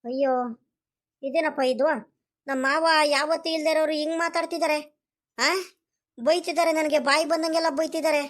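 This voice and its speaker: A woman's voice: high voice, steady tone, normal speed, pauses often, close to an everyday voice. A woman voicing a pleading young village husband. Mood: worried pleading. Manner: pleading, repetitive questions. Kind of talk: village comedy cartoon voice acting.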